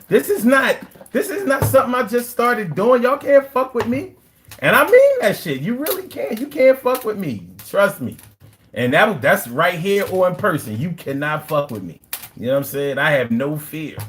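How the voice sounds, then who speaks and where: There's slight background noise as a young man with a high voice and a Philadelphia accent runs his livestream. Reading comments in casual chat, the Philadelphia native is brash and foul-mouthed, boasting in street slang.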